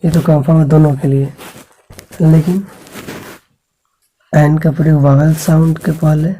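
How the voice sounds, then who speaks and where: A man with a fairly high, dark-toned voice delivers an English grammar lesson to school students at a measured pace and in a flat manner. The audio is poor, with a little hiss or hum. He patiently spells out sounds, checks in with the class often, and answers his own questions.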